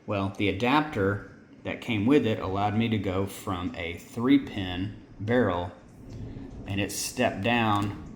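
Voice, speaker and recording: A man's voice: fairly low pitch, a little hiss or hum. A man casually walking through his homemade gear setup, rambling and often correcting himself. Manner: rambling, self-correcting, informal. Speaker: hobbyist maker explaining his gear. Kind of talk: casual how-to walkthrough. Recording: roomy sound with faint ambience.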